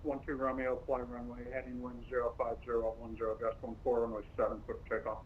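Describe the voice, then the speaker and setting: A man working as an air traffic controller over a tinny radio link, giving clipped instructions with filler pauses. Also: mid-range voice, monotone. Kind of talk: radio phraseology.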